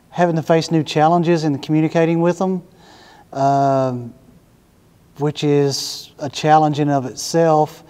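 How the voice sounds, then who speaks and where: A man giving thoughtful, unhurried interview answers, pausing often with fillers as he searches for words. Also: fairly high pitch, darkish tone, smooth. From Arkansas, USA. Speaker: interviewee working with international students. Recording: echoey room with long reverb.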